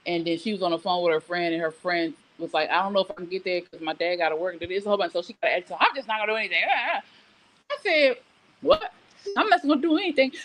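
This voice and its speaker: A low-quality recording with a little hiss or hum carries a middle-aged woman's fairly low voice. She hosts a casual live morning show, speaking conversationally as she reads viewer comments, recounts personal stories, and offers frank, emphatic advice.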